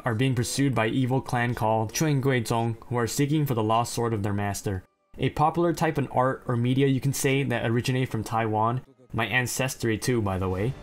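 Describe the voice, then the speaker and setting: A man narrating a ranked anime list, reading plot summaries and breaking off into blunt, profane, self-deprecating asides. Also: mid-range voice. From China.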